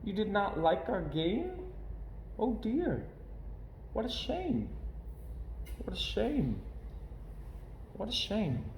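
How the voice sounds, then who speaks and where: A man voicing a breezy trickster cat from a children's storybook, reassuring in a showy, drawn-out way. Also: high-pitched, wildly swooping pitch, creaky, echoey room, a little hiss or hum, voice pushed up, heavily acted. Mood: dejected. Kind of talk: children's storybook read-aloud.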